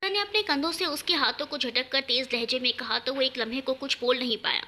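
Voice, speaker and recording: Female story narrator, dramatic steady read, high-pitched and very bright. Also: fairly quick.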